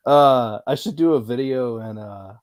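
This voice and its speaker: A man who is a guest on a livestream, talking in quick, animated bursts full of fillers. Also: medium pitch, no echo, studio quality. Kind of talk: casual livestream chat.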